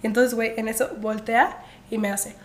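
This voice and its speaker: A young woman with a Mexican accent telling a story in casual chat, lively, slangy and quick to laugh. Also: on the high side. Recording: echoey room.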